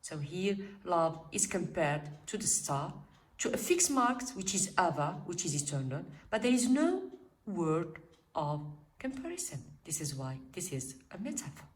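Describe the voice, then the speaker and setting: Woman, Algerian accent, poetry lesson, unhurried explanatory delivery, lively intonation. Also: on the low side. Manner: deliberate, explanatory, reads verse aloud slowly. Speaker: literature teacher.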